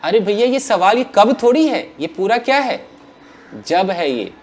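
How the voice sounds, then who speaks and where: A man teaching English grammar to a class, asking questions and answering them himself in an animated way. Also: high-pitched, a little slow.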